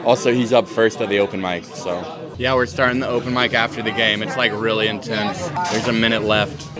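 A man's voice: lowish voice, fairly even intonation, brisk, a crowd in the background. Young guy vlogging in his car at night, crude jokey recap of his set, phone held out. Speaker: comedian vlogging an open mic night. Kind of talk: casual vlog chat. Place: bar, then parked car at night. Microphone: handheld camera at arm's length.

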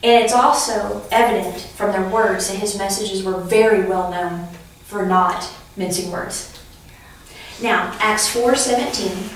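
Heard from far off in a reverberant space with slight background noise, this woman speaks at a medium pitch with fairly even intonation and a slightly slow pace. A Bible teacher, she runs her preaching class like a chat, sharing anecdotes and laughing as she tells them.

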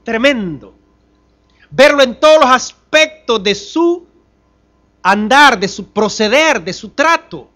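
A pastor delivers a sermon in church, his male voice expressive and slow. He poses rhetorical questions to the congregation and moves between loud, emphatic moments and quiet, low dips.

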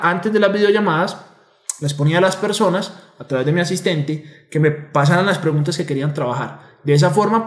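A man in his thirties, an investor and community director, gives a direct-to-camera finance lesson from a home office desk microphone. His fairly high voice sounds roomy, and he explains money emphatically, often checking in with rhetorical questions.

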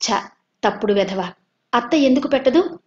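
A soft-hearted old grandmother in a storybook reading, speaking curtly with a raised, firm voice, as a woman narrator puts her on. The recording sounds dull and lo-fi. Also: fairly high pitch, lively intonation, normal speed, echoey room, pitched above the performer's own voice, close to an everyday voice. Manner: pleading, then curt and dry. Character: gentle elderly grandmother, worried and soft-hearted.

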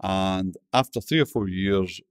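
A man's voice: sits low, a little slow, clean tone, dry recording, studio quality. Older Glaswegian man, mumbling storyteller. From Scotland. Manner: mumbling, swears freely, tells anecdotes. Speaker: guest. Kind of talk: casual interview chat.

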